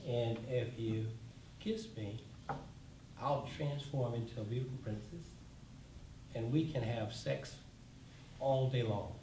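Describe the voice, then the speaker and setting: A man's voice: takes it slowly, long pauses, very noisy. A man doing a coaxing talking frog. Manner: coaxing, low-key delivery in a joke. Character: small talking frog claiming to be a princess, coaxing. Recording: echoey hall, mic from far off.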